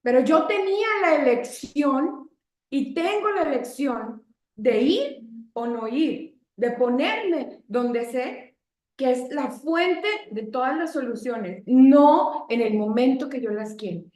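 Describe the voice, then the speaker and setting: A woman preaches her own testimony with raw, pleading passion. Her voice sits fairly high and keeps throwing rhetorical questions at the listeners. The recording echoes around the room. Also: expressive, slow, a little mellow. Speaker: lay preacher. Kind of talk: religious testimony talk.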